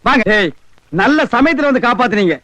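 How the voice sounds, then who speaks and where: A brash, bossy beggar in a comic film scene, his voice pitched very high. He fires off scolding lines at speed, close and dry. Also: animated, fast, fairly bright tone, no room sound.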